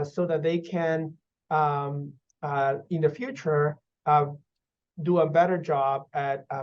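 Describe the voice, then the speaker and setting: A man in his thirties from Guatemala, a physician researcher answering interview questions in measured explanations with many fillers. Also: on the high side, darkish tone. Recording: dull lo-fi audio.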